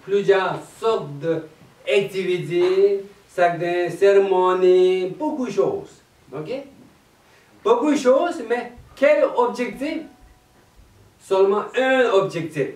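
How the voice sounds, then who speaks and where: A man with a Tibetan accent introducing a chant evening to an audience in halting, laughing French. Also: high voice, darkish tone. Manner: broken French, slow, laughing often. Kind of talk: halting explanatory talk to an audience. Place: meditation centre hall, indoors. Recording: roomy distant hall mic with faint noise.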